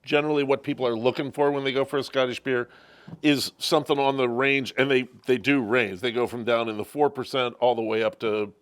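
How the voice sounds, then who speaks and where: A relaxed male co-host talks through beer styles with easy authority and laughs often. His voice is mid-pitched and recorded close and dry, with almost no room sound around it. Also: brisk, smooth, dry recording. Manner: relaxed, knowledgeable, laughs easily. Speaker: TV show co-host, beer expert. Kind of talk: casual on-air beer tasting chat. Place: at a bottle shop.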